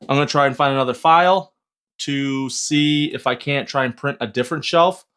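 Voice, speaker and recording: A man's voice: medium pitch, normal speed, fairly bright tone, clean tone. A young man vlogging casually about 3D printing, rambling and hesitant with lots of filler words. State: hyped on an energy drink. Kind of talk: casual vlog talk.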